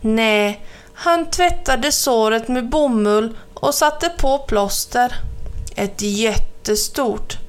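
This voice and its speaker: A woman's voice: on the high side, clear, resonant tone, close to an everyday voice. Mamma Mu, a plaintive mother cow, read by a woman.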